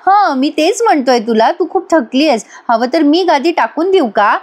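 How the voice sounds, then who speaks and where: An irritated young husband, exasperated and always protesting, as a woman recapping a serial puts him on. The voice sits high, pushed up well above a plain speaking voice, and the lines come out in quick, indignant bursts. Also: lively intonation, darkish tone.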